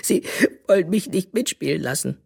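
A woman's voice: fairly low pitch, animated, moderate pace, gravelly, darkish tone, breathy edge, pitched above the performer's own voice, full character voice. A woman voicing a poor little girl who is easily hurt and talks in a pleading, tearful way, in a children's storybook reading. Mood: pleading, upset.

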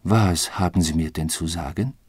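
A man voicing an excitable, loyal male manservant who bursts out in indignant exclamations, in a husky, dry audiobook reading. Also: deep voice, moderate pace, dry recording, pitched below the performer's own voice. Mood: guarded, amused.

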